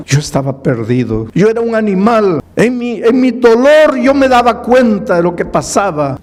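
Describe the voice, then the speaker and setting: A man's voice: mid-range voice, warm tone. A pastor voicing a remorseful middle-aged man who has given up drinking, confessing through tears. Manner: pleading, tearful confession. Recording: long hall reverb.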